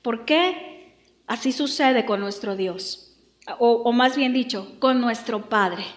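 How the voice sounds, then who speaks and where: A woman pastor preaching a lively, humorous sermon. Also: fairly high pitch, takes it slowly, echoey room. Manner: lively, humorous, acts out quotes.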